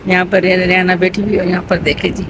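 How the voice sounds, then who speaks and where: A woman's voice: on the low side, little pitch movement, background noise. A woman vlogger from Pakistan, narrating a casual home vlog while tired with a headache. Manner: chatty, narrating what family members are doing. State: headache, low energy.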